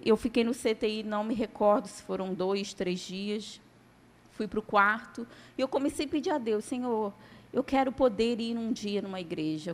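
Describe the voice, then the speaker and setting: Woman preaching a dramatic testimony. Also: a little high. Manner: dramatic storytelling, acting out dialogue. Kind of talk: testimony sermon.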